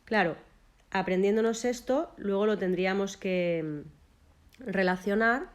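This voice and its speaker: In a mid-range voice, a woman explains a literature lesson, going through technical terms one at a time in a measured way with short pauses.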